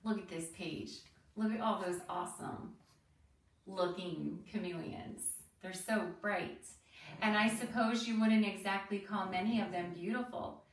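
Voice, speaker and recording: A woman with a mid-range voice reads a children's book aloud like a teacher, expressive and deliberate, stopping for asides and questions aimed at young listeners. The recording sounds roomy, with a distant mic and faint noise.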